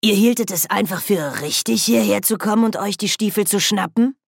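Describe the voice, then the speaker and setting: A woman voicing a stern, sharp-tongued old witch in an audiobook, speaking curtly and with authority. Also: medium pitch, brisk, creaky, no echo, studio quality, voice pushed up. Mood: commanding. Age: older. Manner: curt, commanding.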